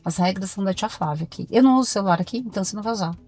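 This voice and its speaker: A Brazilian woman, a pediatrician, talking as a podcast guest in firm, animated stories full of acted-out dialogue. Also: mid-range voice, very fast, soft background music. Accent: Brazilian Portuguese. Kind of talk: podcast interview conversation.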